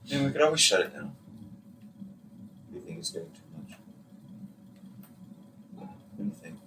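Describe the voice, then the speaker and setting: Middle-aged dad co-host, very low voice, patient explainer, set back from the mic with faint hiss. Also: male voice, normal speed. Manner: calm and explanatory. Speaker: co-host, player's father. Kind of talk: casual gameplay chat. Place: home room while it rains. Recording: distant mic with faint noise.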